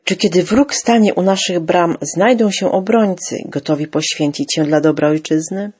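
Brief: earnest speaker, husky, asking rhetorical questions about a book. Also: mid-range voice, normal speed, darkish tone.

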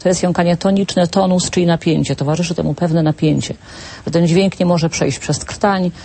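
A woman speech therapist explains stuttering in calm, clinical terms. Her voice is mellow and a little husky. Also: fairly low pitch. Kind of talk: expert explanation on a talk show.

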